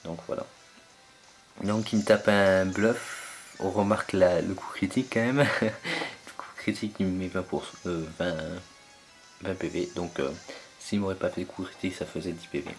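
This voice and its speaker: A man's voice: low-pitched, moderate pace, faint music behind. A young man commentating his own online battle game match, hesitant and full of fillers as he searches for names.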